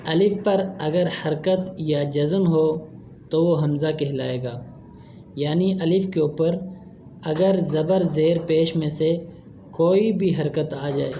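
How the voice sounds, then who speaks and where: Slow patient man teaching recitation. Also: a little high, mellow, echoey room, a little hiss or hum. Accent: Urdu. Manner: patient, drawn-out syllables for students to repeat. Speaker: Quran teacher.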